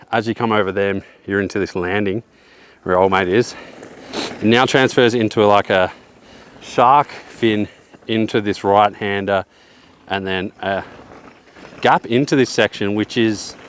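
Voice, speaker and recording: A young Australian, slightly breathless, gives an easygoing, slang-heavy and jokey running commentary as he walks a downhill bike trail outdoors on a wooded hillside. He speaks at a measured pace with long pauses, in a lowish voice that's clear and resonant.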